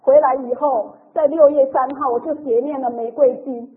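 A woman shares a heartfelt faith testimony in a high voice. Her telling is emotional and chatty, with soft sentence-final particles. The sound is thin and tinny, like a phone line played over the radio. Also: steady tone, moderate pace. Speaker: church member giving testimony.

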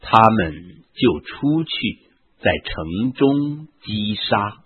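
A man's voice: fairly low pitch, very animated, drawn-out words, slightly rough. A man solemnly reading scripture aloud as scripted narration, on a tinny lo-fi recording. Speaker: scripture reader.

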